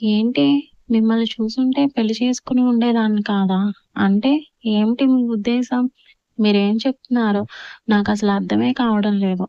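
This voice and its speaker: A woman's voice: fairly high pitch, fairly even intonation, moderate pace, no echo, dull audio, lightly acted. Woman voicing a chatty innocent young bride. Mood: puzzled.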